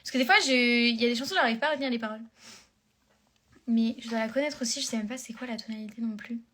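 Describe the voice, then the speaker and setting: Chatty young woman, high voice. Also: rapid-fire, a bit bright. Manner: chatty, rambling, many fillers and restarts. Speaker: live-stream host answering fans. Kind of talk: casual live-stream chat with singing.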